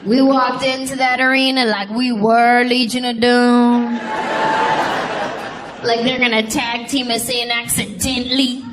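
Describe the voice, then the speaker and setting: A young woman performing a stand-up comedy set, telling stories in an animated way and shouting out voices. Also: fairly high pitch, unhurried. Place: comedy stage before a laughing audience. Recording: live stage audio with crowd noise.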